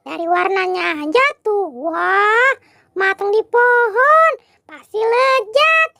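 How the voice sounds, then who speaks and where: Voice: extremely high pitch, vocal fry, dry recording, clean studio sound, exaggerated voice. A performer voicing Doraemon, a greedy, carefree robot cat in a clown skit. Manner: slow, drawling, carefree. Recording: loud music underneath.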